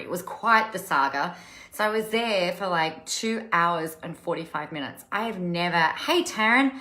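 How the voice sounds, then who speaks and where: A woman's voice: fairly low pitch, bright, forceful tone. A woman, hosting a casual live stream as a coach, chatty and emphatic, repeating words for effect. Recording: echoey room.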